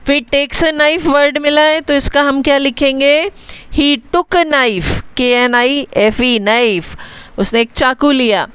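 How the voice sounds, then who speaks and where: A young adult woman teacher giving a patient, chatty lesson, dictating English words slowly and spelling them out letter by letter. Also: sits high, a bit bright, no echo. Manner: explains in a patient, chatty way, often checking in with the class. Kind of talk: bilingual story-writing lesson.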